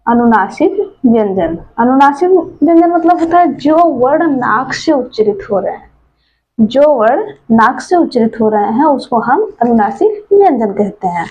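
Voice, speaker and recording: A woman teaching an exam-prep grammar lesson, drilling slowly and reciting letters one by one. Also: fairly high pitch, darkish tone, poor audio.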